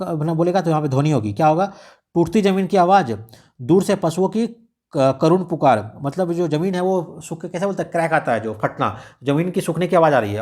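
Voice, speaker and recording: Fast-talking man teaching script writing. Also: fairly high pitch, darkish tone. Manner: casual explaining, mixing English words, frequent fillers and restarts. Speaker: exam-prep teacher. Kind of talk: explaining a radio script lesson.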